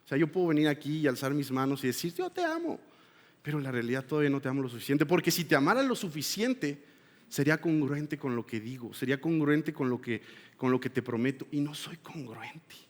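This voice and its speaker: Pastor preaching in a reverberant hall. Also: male voice, mid-range voice, fast. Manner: emotional, swings from loud appeals to hushed confession. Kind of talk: sermon. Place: church hall.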